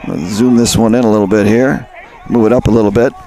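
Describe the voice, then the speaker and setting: A man doing live play-by-play commentary for a high school lacrosse game, chatty and conversational, often correcting himself. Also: steady tone, fast, dark tone. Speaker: play-by-play announcer. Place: outdoor high school field.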